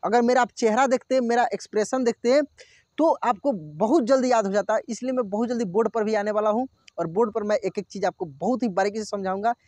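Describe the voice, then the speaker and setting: A man's voice: high-pitched, fast talker, a little mellow, no echo. A man teaching a Hindi lesson, patiently repeating each syllable and talking to viewers as friends. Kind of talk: online lesson, drilling syllables.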